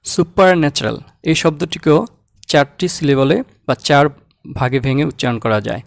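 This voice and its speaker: A man teaching English pronunciation, saying example words slowly and repeating them. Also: on the high side, vocal fry, dry recording, clean studio sound. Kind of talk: slow, deliberate language lesson.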